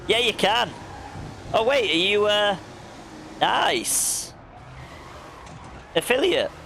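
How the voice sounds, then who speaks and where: A man's voice: sits high, animated, extremely slow, vocal fry, pushed and bright, slight background noise. A young man streaming a racing game, chatting casually, laughing often and addressing viewers by name. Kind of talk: casual chat while gaming.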